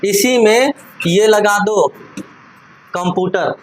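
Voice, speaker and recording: A man's voice: high-pitched, unhurried. A man teaching a classroom lesson, repeating questions for the class to answer and scolding them playfully. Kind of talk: classroom lesson with call-and-response. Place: classroom full of students. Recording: noisy classroom with students.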